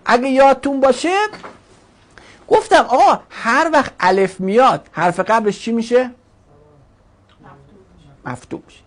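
A woman teaching a grammar lesson, putting questions to the class, answering them herself, and giving grammar forms their own voices. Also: on the high side. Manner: acts out grammar forms as talking characters.

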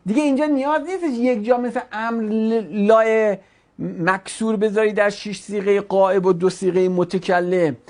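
A woman teaching an Arabic grammar class, patiently explaining step by step with examples. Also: medium pitch. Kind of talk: online class, explaining verb conjugation.

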